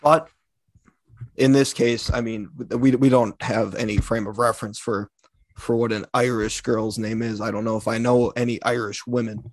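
A man co-hosting a casual podcast, with a middling pitch and a dry, wisecracking, laid-back delivery. He sounds close to the mic in a dead, echo-free room. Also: steady tone, normal speed. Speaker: podcast co-host.

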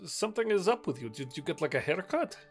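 A woman's voice: lowish voice, sing-song, fast talker, slightly rough, faint music behind. A woman playing a tabletop game, chatting casually in character in an effusive, jokey way. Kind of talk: casual in-character improvised chat.

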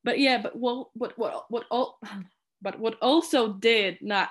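A young Polish woman, a native speaker of Polish, talks casually in an interview where she serves as committee chair. Her voice sits on the high side and she speaks slowly, with lots of "like" fillers and frequent restarts.

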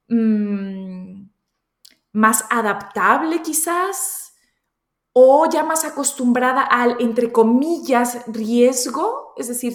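A woman with a blended Colombian and Spanish accent speaks as an interview guest, thinking aloud and restarting phrases as she goes. Her voice sits a little high for a woman. The studio adds a noticeable roomy echo around her. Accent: mixed Colombian and Spanish. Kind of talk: conversational interview.

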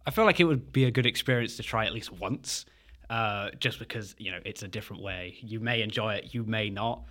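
A young man answering questions in a casual podcast chat, measured and thoughtful. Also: on the low side, sharp tone. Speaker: podcast co-host. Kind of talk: casual discussion.

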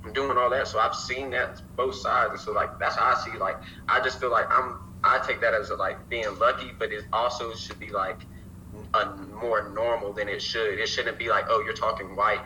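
A young man from Alabama talking in an animated casual chat, swearing freely and often checking in with his listeners. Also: on the low side, normal speed, slight background noise, low-quality recording. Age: young adult. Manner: animated, swears freely, keeps saying "you feel me".

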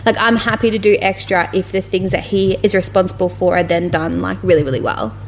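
A woman co-hosting a casual podcast chat, rambling and blunt, with plenty of swearing and animated retellings. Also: fairly low pitch, brisk, a little hiss or hum. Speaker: podcast co-host.

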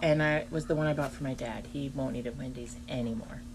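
A woman's voice: very deep voice, fairly even intonation, fast talker, background noise. A young woman co-hosting a casual podcast, giggly and a little tipsy, swearing often. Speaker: podcast co-host. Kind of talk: casual chat. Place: indoor room at a table.

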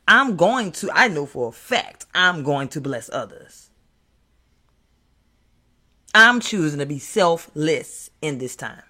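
A man's voice: on the high side, bright, forceful tone. An American man preaching an impromptu, fiery sermon in the manner of a doomsday street preacher, emphatic, repeating phrases and addressing listeners directly.

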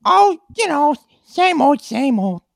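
A man's voice: very high voice, very animated, slow pace, vocal fry, pitched above the performer's own voice, full character voice. A man voicing a cheeky young schoolboy in a playful, breezy way.

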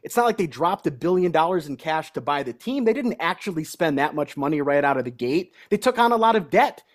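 A man's voice: fairly high pitch, expressive, a little fast. A man co-hosting a casual sports podcast, ranting in a heated, indignant way. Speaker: podcast co-host.

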